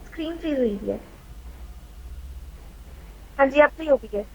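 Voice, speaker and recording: A woman student asking halting questions in a live online class, her voice cutting out over a bad call connection. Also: high-pitched, lively intonation, gravelly, a little mellow. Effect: breaking-up bad call connection. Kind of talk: casual questions to the teacher. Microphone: remote video call. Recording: muffled lo-fi call line with faint noise.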